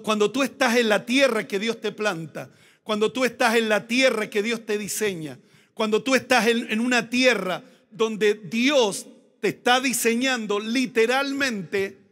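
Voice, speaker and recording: A man preaching a sermon as pastor, emphatic and repeating key phrases, slowing down to stress words. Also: sits high, a bit bright.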